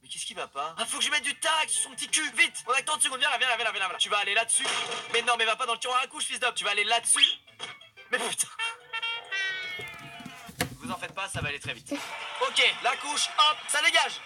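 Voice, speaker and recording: A man in his twenties hosting a let's play from a home kitchen, excitable and swearing, with frequent loud outbursts. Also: extremely high pitch, fast, over loud music. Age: 20s. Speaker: gaming video host.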